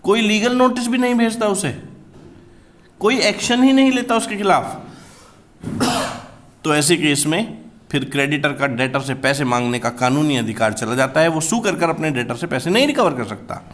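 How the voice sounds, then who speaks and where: A man teaching a commerce law class, explaining step by step and slowly repeating key terms, with terms. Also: on the high side, fairly bright tone.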